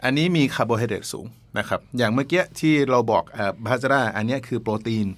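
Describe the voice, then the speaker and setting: Fast-talking man on educational radio. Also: medium pitch, expressive, no echo. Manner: brisk explanatory, many polite particles and fillers. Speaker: co-host, independent scholar. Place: radio studio. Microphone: studio microphone.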